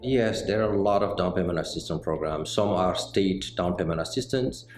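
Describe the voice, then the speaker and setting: A middle-aged man from Senegal answers interview questions about his work in banking. His voice sits very low, and he explains things carefully, stopping often on small hesitations. The sound is roomy, with soft music faintly underneath. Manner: measured, explanatory, with frequent "uh" pauses. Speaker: mortgage banker interviewee. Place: indoor office set with bookshelves.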